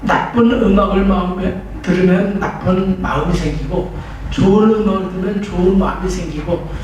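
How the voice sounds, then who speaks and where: A man's voice: sits high, moderate pace, a little mellow, recorded from a distance, highs cut off. An older man giving a public lecture as a professor, talking in a conversational way with restarts and rhetorical questions. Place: library training room. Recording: echoey room, voice from afar, noisy.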